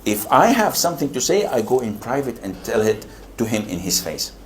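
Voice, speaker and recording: A man's voice: medium pitch, big pitch swings, a little fast, a little hiss or hum. An older man from Saudi Arabia, an Islamic preacher answering audience questions with humor, now and then acting out other people's voices. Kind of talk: lecture Q&A.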